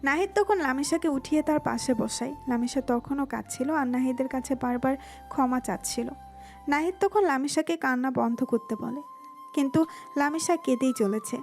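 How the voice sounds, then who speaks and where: High-voiced woman narrating a story. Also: moderate pace, darkish tone, soft background music. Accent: Bengali. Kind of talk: scripted narration.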